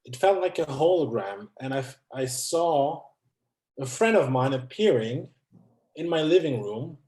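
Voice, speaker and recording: As a guest in a conversational interview, a French man in his thirties speaks English as a second language, hesitating with pauses, fillers and many restarts. His voice is mellow and sits at an ordinary middle pitch, with noticeable room echo.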